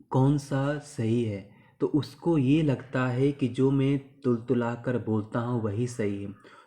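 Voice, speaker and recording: A man giving an explanatory lecture as a teacher educator, measured and stressing key terms. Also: mid-range voice, mellow.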